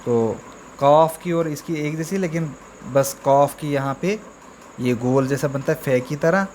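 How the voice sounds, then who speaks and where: A man teaching the alphabet to beginners, sounding out each letter slowly and repeating example words with frequent check-ins. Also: on the high side, a little mellow, a little hiss or hum. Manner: drawn-out, repetitive letter drills with frequent "theek hai". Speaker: Urdu teacher. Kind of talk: slow beginner alphabet lesson.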